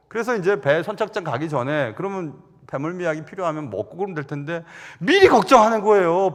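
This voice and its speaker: A middle-aged man preaching a Sunday sermon, telling stories with sudden loud rises and soft drops. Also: high voice, in a large hall. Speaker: pastor. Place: large church sanctuary.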